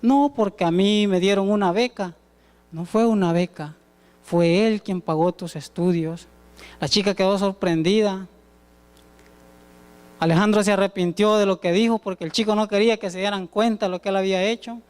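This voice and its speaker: A man's voice: high voice, fairly even intonation, moderate pace, smooth, big-room sound. A young man preaching in church, telling a story and voicing its people's dialogue. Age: young adult. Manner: tells a story with acted quoted dialogue. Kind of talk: sermon storytelling. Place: church sanctuary.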